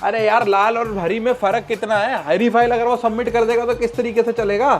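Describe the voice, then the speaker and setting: A harried young husband. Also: male voice, very high voice, level tone, a little fast, soft background music. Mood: exasperated. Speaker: son-in-law. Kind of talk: comedy sketch acting.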